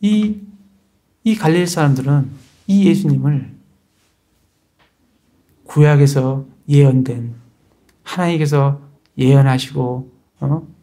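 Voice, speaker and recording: Taking it slowly with long pauses, a male pastor preaches a sermon in a warm, mellow tone of ordinary pitch. His style is conversational with the congregation, full of rhetorical questions.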